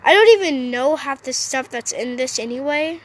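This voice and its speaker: A woman's voice: high-pitched, animated, moderate pace. A woman giving casual, playful commentary to her viewers while playing a mobile game, sitting outdoors on a roof. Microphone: phone.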